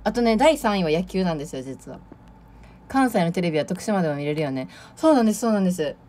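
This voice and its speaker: Streaming for an idol audition, a late-teen Tokushima native reads viewer comments in fast, casual chatter full of laughter and bubbly energy. She has a fairly low, darkish voice with big pitch swings and a Kansai accent flecked with Awa dialect.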